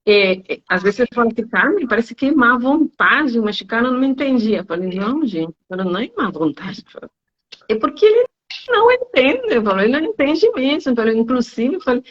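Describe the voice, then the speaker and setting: A woman, a Spanish teacher and travel agent, talking in an interview and telling anecdotes in an animated way, acting out her students' lines. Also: fast talker, hardly any pauses. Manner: animated storytelling, acts out students' lines in high voices. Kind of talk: interview conversation. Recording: dull lo-fi sound.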